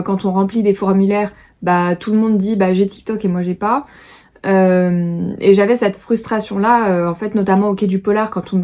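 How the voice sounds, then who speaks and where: A woman records a casual book vlog in a warm, darker voice. Her talk rambles and she hesitates often, picking her words as she goes. The tone stays easy and conversational. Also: medium pitch. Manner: chatty, rambling, many hesitations. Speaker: book vlogger. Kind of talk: casual vlog chat to camera.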